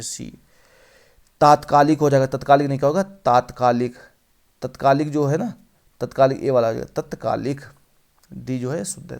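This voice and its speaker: A man's voice: mid-range voice, vocal fry, a little mellow. A male teacher running an exam-prep spelling lesson, repeating each word and quizzing the viewer.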